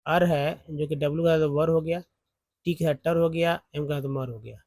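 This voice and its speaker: A man teaching English phonics from slides, explaining word parts slowly. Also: a little high, steady tone, a little mellow, no room sound. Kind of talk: slide-based phonics lesson.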